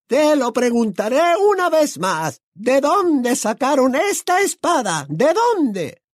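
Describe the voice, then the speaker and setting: A man voicing a cruel adult witch in an audiobook, drawing out each menacing word slowly. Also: very high voice, big pitch swings, no room sound, studio quality, pitched above the performer's own voice, exaggerated voice. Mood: interrogating. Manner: slow, drawn-out, menacing. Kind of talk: audiobook character voice.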